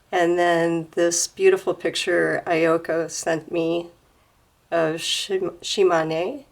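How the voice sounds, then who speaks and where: Speaking at a fairly low pitch, a woman gently presents her craft project to a camera filming the display at home. A cold is just starting, leaving her slightly hoarse, and her explanation is slow and unhurried, with pauses for details.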